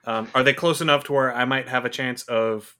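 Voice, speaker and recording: Bright-voiced man playing a tabletop game. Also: medium pitch, fairly even intonation, a little fast, smooth. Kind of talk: casual game-table chat.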